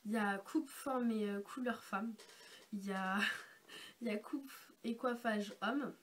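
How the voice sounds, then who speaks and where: Speaking slowly at a medium pitch, a young woman who vlogs sounds congested and sick as she rambles through explanations in a chatty, casual style. She is a young adult, and the noisy sound is that of an amateur home video.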